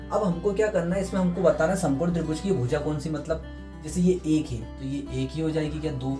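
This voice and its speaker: A man's voice: fairly high pitch, dark tone. A man teaching a math lesson for exam prep. He asks his students questions, answers them himself, and repeats key terms over and over. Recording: echoey room with guitar music behind.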